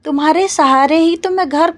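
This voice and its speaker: A woman's voice: high voice, moderate pace, voice pushed up, lightly acted. Woman doing an anxious coaxing daughter. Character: worried working daughter coaxing her mother.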